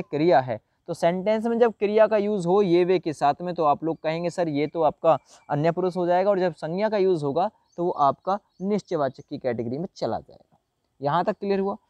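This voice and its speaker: A man's voice: high-pitched, a little mellow, dry recording, muffled recording. A man teaching a grammar lesson to a class of viewers, calling them friend and brother and acting out example sentences as he asks them questions.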